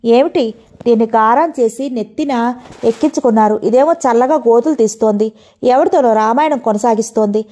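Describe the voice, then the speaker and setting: An enraged elder brother hurls accusations in a storybook reading, as a woman narrator puts him on. The voice sits higher than a man's and stays mellow and soft. It sounds like a woman's own voice with the anger carried by the words. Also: moderate pace, lightly acted. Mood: angry. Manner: scolding, accusing. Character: angry young man, the narrator's elder brother.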